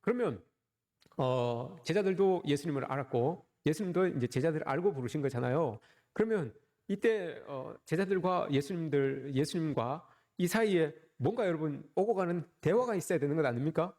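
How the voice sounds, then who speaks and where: A man's voice: on the high side, expressive, normal speed, a little mellow. A man preaching a sermon as pastor, joking and asking the congregation rhetorical questions.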